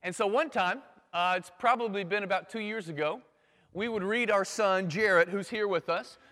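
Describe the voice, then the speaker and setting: A man preaching a sermon to a live audience, swinging from loud bursts to hushed near-whispers and making playful sound effects. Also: high-pitched, moderate pace. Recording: long hall reverb.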